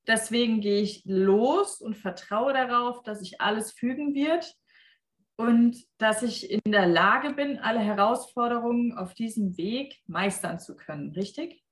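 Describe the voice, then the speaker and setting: A woman's voice: fairly high pitch, a little slow, roomy sound. A German-speaking woman hosting a casual podcast interview, laughing often and talking with plenty of fillers. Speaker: podcast host.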